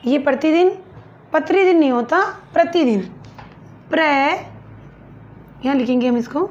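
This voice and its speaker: Female teacher, high voice, slow patient delivery, slightly muffled lo-fi audio. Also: darkish tone. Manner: slow and patient, spelling words syllable by syllable; addresses pupils as "beta", asks and answers her own questions. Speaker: school teacher. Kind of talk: online Hindi lesson for young pupils.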